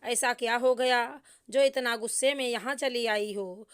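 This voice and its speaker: A woman voicing a firm, caring middle-aged mother who reasons calmly. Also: a little high, measured pace, clean tone, lightly acted.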